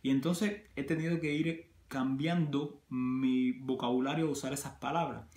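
A man's voice: mid-range voice, fairly even intonation, moderate pace, a little mellow, echoey room. A man from Cuba with a Cuban Spanish accent, talking casually to his viewers and piling up examples as he goes. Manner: conversational, many restarts and examples. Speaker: vlogger. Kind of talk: casual talk to camera.

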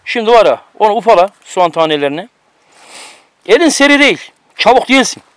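Cooking outdoors on a mountain, a man chats casually and bosses his friend around with teasing instructions in a running commentary. His high-pitched voice is very animated and he talks fast; the camera-mic recording sounds dry.

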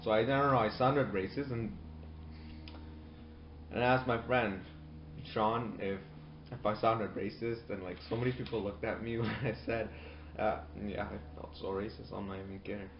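A man's voice: fairly low pitch, fairly even intonation, normal speed, slight background noise. Teen guy rambling with his mouth full. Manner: rambling, talks with mouth full while eating. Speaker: vlogger. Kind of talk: casual home vlog. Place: bedroom at home. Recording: roomy, dull lo-fi sound.

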